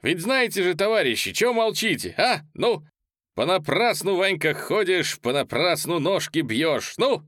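A man voicing a bold, defiant male singer who shouts commands in a loud, lively voice. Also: mid-range voice, moderate pace, no echo, clean studio sound. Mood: commanding.

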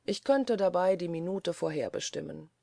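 Sly old manservant, dry and calm, mellow tone, dry sound, read by the narrator. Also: medium pitch, moderate pace, gravelly, no room sound, close to an everyday voice. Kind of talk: audiobook character voice.

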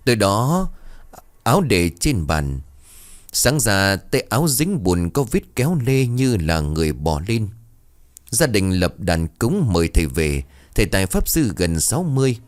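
A man with a very low, deep voice narrates a horror tale with suspense. His pitch moves widely and expressively, building dread line by line. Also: very animated, unhurried. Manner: dramatic, suspenseful. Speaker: storyteller.

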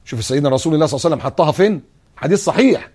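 Fast-talking Egyptian preacher. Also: male voice, fairly high pitch, breathy edge. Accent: Egyptian Arabic. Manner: animated, acts out scenes and recites slowly. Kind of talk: religious TV lesson. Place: TV studio.

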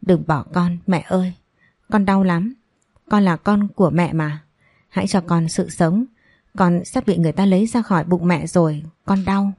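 A woman's voice: lowish voice, normal speed, darkish tone, no room sound, studio quality. A woman voicing an unborn baby who pleads with its mother in a reproachful tone, read in a storybook reading. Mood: pleading.

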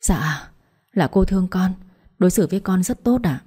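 A woman's voice: lowish voice, animated, normal speed, warm tone, husky. A woman doing a frightened little girl. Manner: trembling, timid.

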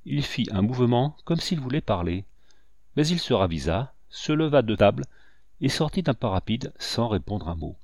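A man narrating a classic novel as an audiobook reader, in measured, even storytelling. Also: medium pitch, no room sound, studio quality. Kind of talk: scripted narration.

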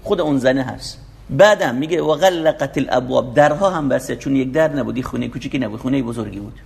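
A man's voice: medium pitch, gravelly, darkish tone. A man preaching a sermon, explaining scripture verse by verse in an emphatic, urging way.

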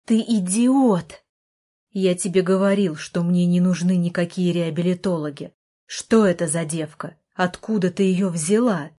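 A woman voicing a bitter, angry young man in a wheelchair who shouts coarsely, in an audiobook. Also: mid-range voice, slow, hardly any pauses. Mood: furious.

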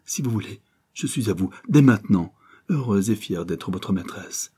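A man's voice: on the low side, lively intonation, normal speed, dark tone, husky. A man reading an audiobook, voicing a passionate young bourgeois woman in an impassioned, declamatory way. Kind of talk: audiobook character voice.

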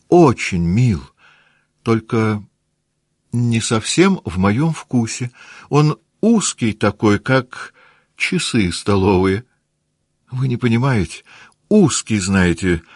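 A man reading an audiobook, voicing a lively, stubborn teenage girl who talks in an excited, teasing, insistent way. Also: on the low side, slow pace, pauses often, slightly rough, no echo, clean studio sound, pitched above the performer's own voice, exaggerated voice. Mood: dreamy. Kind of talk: audiobook character voice.

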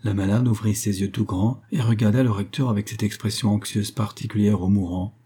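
A man giving a measured scripted narration of a classic novel as an audiobook narrator. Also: lowish voice, steady tone, warm tone, husky. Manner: measured, literary reading.

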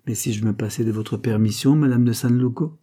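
A bitter, trapped impostor duke, gloomy and defensive, played by a male audiobook reader. His voice is very dark and mellow, with a husky edge. He speaks like a man cornered by someone who holds power over him. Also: mid-range voice, brisk, natural voice. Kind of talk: audiobook character voice.

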